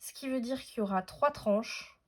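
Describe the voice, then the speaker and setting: A woman's voice: fairly high pitch, moderate pace, a little mellow. Chatty French-speaking woman crafting tutorial. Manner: chatty, hesitant with many fillers. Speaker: scrapbooking tutorial host.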